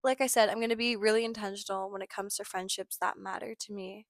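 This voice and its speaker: A young woman hosting a personal podcast, reflecting in a halting, tired way with many filler words and apologies. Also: mid-range voice, steady tone, no echo, studio quality. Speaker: podcast host.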